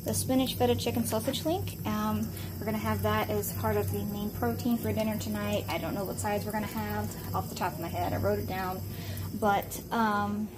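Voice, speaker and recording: A woman's voice: medium pitch, fairly even intonation, normal speed, very noisy. A woman talking casually through a cooking vlog in her home kitchen, rambling with plenty of fillers. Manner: chatty, rambling, with frequent fillers. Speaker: vlogger.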